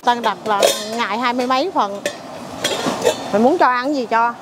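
Heavy background noise surrounds this casual interview with a middle-aged woman who runs a market food stall. She has a Southern Vietnamese accent and a slightly high voice at a normal speed, and she lists her dishes one after another.

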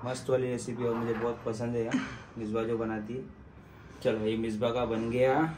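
A man's voice: mid-range voice, flat delivery, normal speed, a little mellow, a little hiss or hum. A man teasing his wife about a missing carpet, telling the story playfully in a casual home vlog. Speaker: vlogger pranking his wife.

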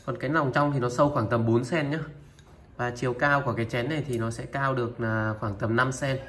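A man presenting used Japanese goods for sale, item by item, in a steady and repetitive way. He talks to viewers familiarly and fills his pauses with filler sounds. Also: mid-range voice. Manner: steady, repetitive, opens nearly every line with a pointing word. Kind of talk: product showcase sales talk.

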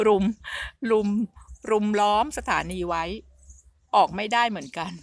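A woman's voice: lowish voice, gravelly, a bit bright. A middle-aged woman vlogging in a casual, rambling storytelling style, often repeating herself as she talks.

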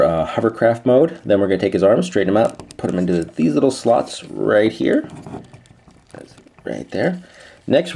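Low-voiced man casually reviewing a toy. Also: darkish tone. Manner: rambling, hesitant with fillers.

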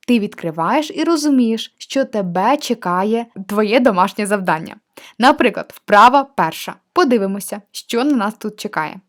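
A young woman, a language teacher, gives a friendly step-by-step walkthrough of an interactive course platform. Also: mid-range voice. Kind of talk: screen-share walkthrough of a textbook.

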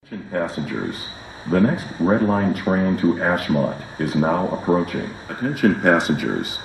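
A man giving recorded train and station announcements in a measured, formal way. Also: big pitch swings, creaky, rough recording. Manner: measured, formal, evenly spaced phrases. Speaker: transit announcer. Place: on subway trains and platforms. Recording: announcements captured over rumbling train noise.

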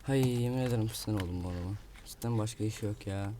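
A man's voice: fairly low pitch, fast, warm tone, slight background noise. A man giving casual live commentary while playing a video game, muttering to himself and grumbling about an opponent. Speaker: gaming video creator. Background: keyboard clicks and typing.

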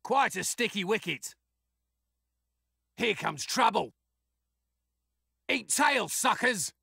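A man playing a cocky, foul-mouthed raccoon space soldier in a video game, a gravelly voice and brash, sarcastic taunts. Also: sits high, expressive, slow pace, bright, forceful tone, dry recording, studio quality, full character voice. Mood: fierce shouting.

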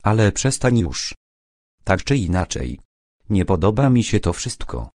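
A man voicing a bold country gentleman who speaks in loud exclamations, in an audiobook. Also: lowish voice, big pitch swings, measured pace, no room sound, studio quality. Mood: exclaiming. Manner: exclaiming, admiring.

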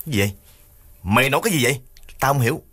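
A man voicing an irritable older man who scolds curtly, with soft music behind. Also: medium pitch, lively intonation, quick pace, breathy edge, voice pushed up. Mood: scolding. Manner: curt, scolding.

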